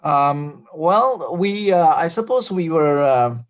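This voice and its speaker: A man's voice: fairly high pitch, lively intonation, takes it slowly, dry recording. Hesitant man on a dull video call. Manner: hesitant, many ums and uhs, repeated words. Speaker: panel guest. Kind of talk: webinar panel reminiscence.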